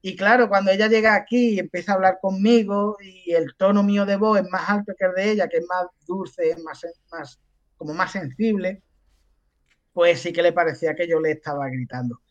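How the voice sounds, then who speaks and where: A man's voice: high voice, normal speed, highs cut off. A man with an Andalusian Spanish accent, a podcast guest telling anecdotes in casual chat and acting out the voices of the people he quotes. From Andalusia, Spain.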